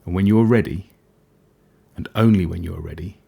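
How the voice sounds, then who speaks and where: Soft, low, gravelly male hypnosis voice. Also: narrow, tinny audio. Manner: soft, soothing, unhurried delivery with pauses. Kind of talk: guided hypnosis session.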